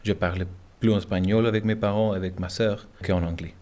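A man from Gibraltar, a native English speaker, answering interview questions in halting French with a Spanish-tinged accent, often stopping to search for words. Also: low-pitched, steady tone, mellow. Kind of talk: interview answers in a second language. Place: at home.

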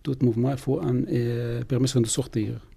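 Man, husky, halting interview answers, home living room. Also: medium pitch, fairly even intonation, dark tone. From Palestine. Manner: halting, searching for words. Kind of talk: radio interview.

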